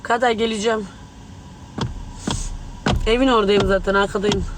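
Furious man ranting at reporters outside, high voice, swearing, faint traffic hum behind. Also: steady tone, moderate pace. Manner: angry, agitated, swearing. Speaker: interviewee speaking to tabloid reporters. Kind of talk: heated street remarks to the press.

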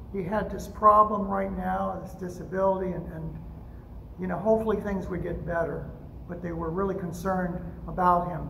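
An older man preaching a storytelling sermon from a pulpit microphone in a church sanctuary, unhurried and gentle, with frequent pauses. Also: sits high, gravelly, slight background noise. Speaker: pastor. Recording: echoey sanctuary with faint ambience.

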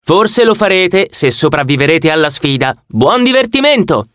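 A man's voice: sits high, big pitch swings, normal speed, no echo, clean studio sound, voice pushed up. A man voicing a pushy nine-year-old girl arcade manager who is really an old lady, brash and bossy. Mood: mocking. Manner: brash, bossy, loud megaphone announcer.

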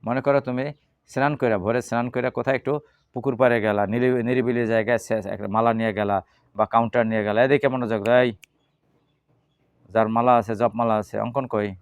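A man's voice: mid-range voice, steady tone, clear, resonant tone, dry recording, studio quality. A man teaching a class on the Gita, asking his listeners questions and answering them himself. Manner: leads slow chanting. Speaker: religious teacher.

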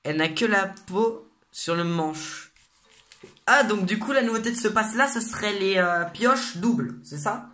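A gaming video host giving casual commentary on new game content, excitable and reading the menu text aloud as they go. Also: medium pitch, measured pace.

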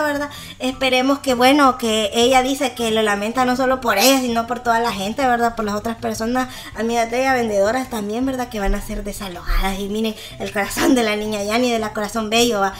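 A woman's voice: fairly high pitch, fairly even intonation, fairly quick, hardly any pauses. A woman with a Salvadoran accent hosting a gossip channel, chatting casually and laughing often. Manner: chatty, laughs often, keeps tagging "¿verdad?".

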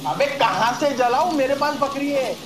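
A man in a co-op horror game voice chat, bossing his teammates with rapid repeated commands. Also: very high voice, animated, a loud crowd, poor audio. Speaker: gamer calling out moves to teammates.

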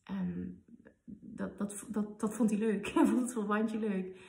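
Woman, thirties, podcast host, animated emotional storytelling, gravelly, roomy. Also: medium pitch, slow pace. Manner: emotional, animated retelling with quoted dialogue. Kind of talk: personal storytelling. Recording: roomy, slightly distant mic.

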